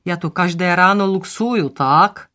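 A narrator voicing a short, round foreign cleaning woman who talks high and in broken grammar. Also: sharp tone, close to an everyday voice. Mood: eager.

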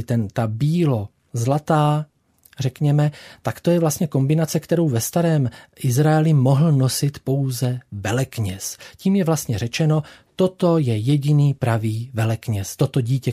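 A man's voice: mid-range voice, dark tone. A man who paints icons, a radio guest explaining patiently with many hesitations and filler sounds, in a studio.

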